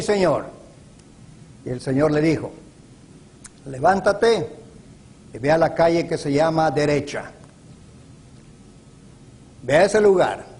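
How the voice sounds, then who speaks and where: A man preaching a sermon in a slow, emphatic way, with stressed words that rise sharply. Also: fairly high pitch, a little mellow. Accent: Latin American Spanish.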